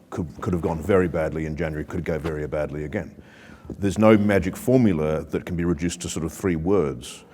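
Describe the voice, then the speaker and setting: Very deep-voiced man on a panel. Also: darkish tone. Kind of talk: panel discussion answer. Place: lecture hall. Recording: long hall reverb.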